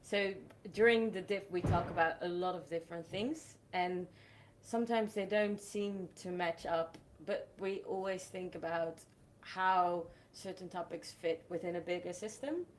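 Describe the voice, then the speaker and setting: A young woman in her twenties from the Netherlands, a festival host explaining her work in a measured, step-by-step casual chat. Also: fairly low pitch, slight background noise.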